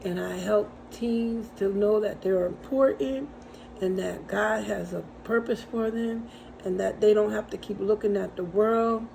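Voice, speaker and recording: A woman's voice: mid-range voice, unhurried, vocal fry, mellow, slight background noise, low-quality recording. A middle-aged woman hosting a casual faith-based encouragement talk, speaking conversationally with repetitions and storytelling asides. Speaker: host and encourager.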